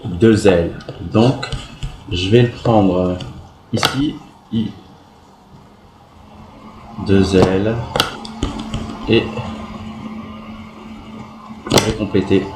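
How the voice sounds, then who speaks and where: A man's voice: lowish voice, a little mellow, echoey room, poor audio. A man teaching a primary class, going over pupils' spelling work and spelling words out letter by letter.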